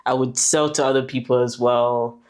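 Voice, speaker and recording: A woman in her twenties, born in Zambia and raised in South Africa, who is a guest on a podcast and tells her story in a relaxed, chatty way. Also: very deep voice, normal speed. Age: 20s. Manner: relaxed storytelling with fillers and restarts. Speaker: podcast guest, animation producer. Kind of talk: casual podcast interview.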